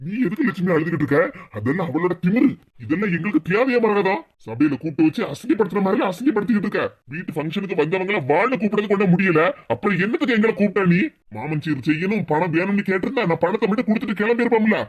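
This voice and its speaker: Woman voicing a protective cartoon older brother, stern, Tirunelveli Tamil accent, quick speech. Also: mid-range voice, expressive, lightly acted. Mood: angry. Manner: stern and scolding.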